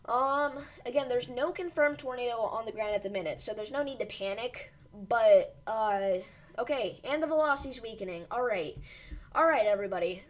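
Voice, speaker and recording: The livestream host, a little high-voiced and speaking at a moderate pace, is losing her voice while she tracks a storm live. Her commentary mixes urgency with reassurance and is full of fillers.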